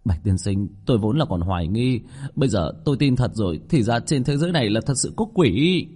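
A shaken police captain in a ghost story, stammering and pleading, as a man voices him. The voice is husky and jumps higher when he is rattled. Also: expressive, fairly quick, warm tone. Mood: flustered. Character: frightened male police team captain.

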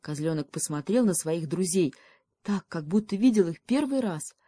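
A woman narrating a children's storybook in a calm, even manner. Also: on the low side, moderate pace, breathy edge, no echo.

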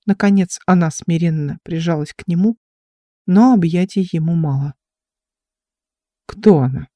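Brief: measured novel narrator, dry close-miked sound. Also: medium pitch, mellow, no echo. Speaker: audiobook narrator. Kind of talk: scripted narration.

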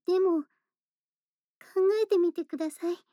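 Lady doing a shy earnest young girl friend at bedtime, super high soft voice, slow and polite, kinda hesitant, audio roleplay. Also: fairly even intonation, dry recording, lo-fi sound. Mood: earnest, reflective. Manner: polite, measured, thoughtful, hesitant. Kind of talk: soft bedtime voice-acted role-play, intimate monologue.

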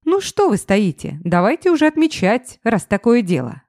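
A woman voicing a pushy, drunken ex-husband who talks cocky and loud. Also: mid-range voice, big pitch swings, moderate pace, dry recording, clean studio sound, voice pushed up. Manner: boisterous, cocky.

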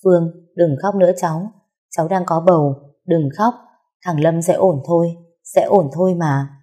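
A woman voicing an older man, a worried, grieving uncle who speaks softly and haltingly in a storybook reading. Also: lowish voice, steady tone, slightly rough.

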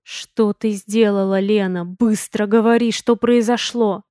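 A woman's voice: medium pitch, steady tone, a little slow, mellow, smooth, no room sound, clean studio sound, close to an everyday voice. A woman voicing a stern, powerful male mage who speaks in clipped, cold commands.

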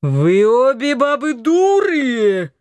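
A woman reading an audiobook, voicing a drunk, rowdy young male naval cadet who shouts hoarsely and chants in a slurred sing-song. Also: medium pitch, very slow, no room sound. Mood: drunken bellowing.

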